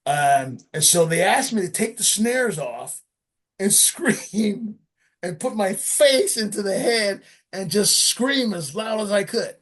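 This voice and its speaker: A man, a session drummer, telling studio stories in a casual interview, lively and acting out sounds with frequent laughs. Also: high voice, slow. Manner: animated, acts out sounds and quotes, laughs often.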